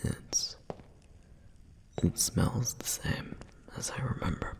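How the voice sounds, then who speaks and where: He takes it slowly, lightly acting the part of a dutiful, protective male flame demon in an ASMR roleplay. His whispered delivery is gentle, wistful, and reflective.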